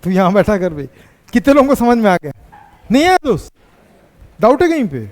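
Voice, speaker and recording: A man teaching a physics class, teasing his students and pushing them to answer quickly. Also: sits high, sing-song, darkish tone, big-room sound.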